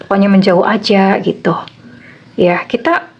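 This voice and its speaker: A woman's voice: mid-range voice, unhurried, vocal fry, breathy edge, muffled recording. Chatty woman doing a tarot reading. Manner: chatty, repetitive fillers, acts out quoted lines. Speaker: tarot reader. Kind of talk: casual tarot reading to viewers.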